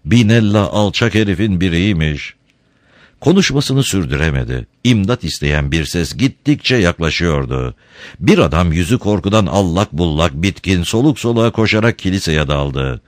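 Man, storybook narrator, deep voice, lively expressive delivery, dry recording. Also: moderate pace, no room sound. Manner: expressive, dramatic. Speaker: audiobook reader.

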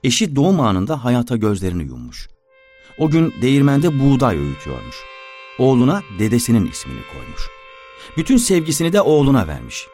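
A man narrating a written story with an expressive storytelling delivery. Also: medium pitch, brisk. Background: faint instrumental music.

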